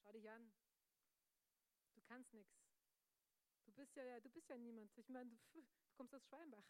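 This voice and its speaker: A woman voicing a sneering devil who whispers insults into someone's ear, in a low, hushed, mocking tone. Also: steady tone, normal speed, close to an everyday voice.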